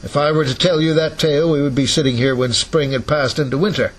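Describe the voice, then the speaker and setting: A man voicing an ancient, wise male wizard in an amateur read-aloud, speaking slowly, low and solemn. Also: steady tone, natural voice, low-quality recording. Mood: weary. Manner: slow, low and solemn delivery.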